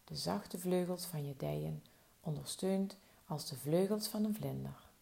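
Soft-spoken woman with a gravelly voice. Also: sits low. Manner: slow, soft, soothing instructions. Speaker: relaxation guide. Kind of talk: guided body-relaxation meditation.

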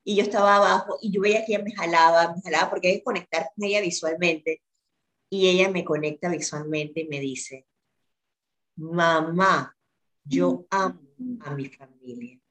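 A woman's voice: fairly low pitch, steady tone, brisk. Earnest woman telling her story. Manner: earnest, repeats words for emphasis. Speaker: guest. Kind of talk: emotional personal storytelling.

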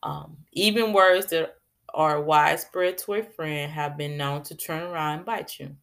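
A woman's voice: low voice, steady tone, unhurried, a bit bright. A woman talking casually about manners and kindness, chatty and preachy, with colloquial asides to her listeners. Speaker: speaker giving advice. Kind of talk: casual talk on etiquette.

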